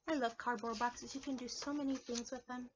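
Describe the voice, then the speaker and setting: A female preschool teacher reads a storybook aloud to young children, animated and instructive, often asking her listeners questions. Her voice is a little high and her pace brisk. The audio has its highs cut off and a slight hiss or hum.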